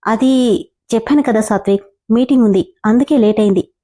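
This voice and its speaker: A fearless young woman snaps back at her tormentor in an audio story, played by the woman narrator. The voice is fairly high and soft-toned. She stays sharp and defiant. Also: fairly quick, lightly acted. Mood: brushing off. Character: bold young woman heroine, defiant and fiery.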